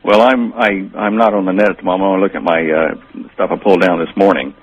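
Deep husky man over a phone line. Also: fairly even intonation, fast talker. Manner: hesitant, many ums and restarts. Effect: heard over a phone line. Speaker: guest on a call-in radio show. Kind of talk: unscripted call-in talk. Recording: muffled phone line with faint hiss.

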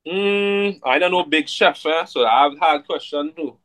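A man, a soca artist chatting casually in an interview, relaxed and full of fillers. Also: fairly high pitch, a little slow, no echo, rough recording. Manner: relaxed, laid-back, many fillers like "like" and "you know what I mean".

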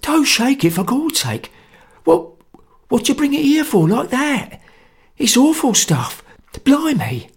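Squeaky, panicky young man, stutters constantly, very high and strained; raspy edge. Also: sing-song, a little slow, exaggerated voice. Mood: frightened. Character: terrified young Cockney conspirator, shrill and shaky.

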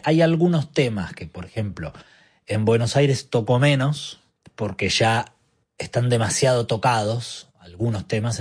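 A man with an Argentine Spanish accent, a guest musician speaking reflectively in a relaxed interview, often searching for his words. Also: medium pitch, breathy edge.

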